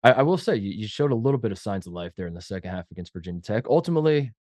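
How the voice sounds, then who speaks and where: A podcast co-host with a lowish voice talks rapid-fire with big pitch swings, his tone a little mellow and free of room sound. Battling a head cold, he sounds nasal as he rambles through casual sports chat, joking and mocking himself.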